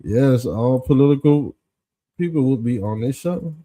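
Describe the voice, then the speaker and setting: A man hosting an informal political commentary show, talking in folksy street style with drawn-out emphasis and a smug, sarcastic exposé manner. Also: medium pitch, animated, dark tone, rough recording.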